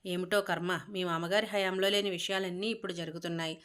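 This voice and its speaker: A woman's voice: lowish voice, steady tone, quick pace, a bit bright, lightly acted. A woman voicing a scornful old mother-in-law. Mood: bitter. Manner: scolding, bitter.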